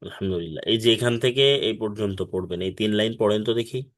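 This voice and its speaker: A man teaching Quran reading over an online call, patiently correcting students and slowly demonstrating each syllable. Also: fairly low pitch. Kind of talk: online tutoring. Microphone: online video call.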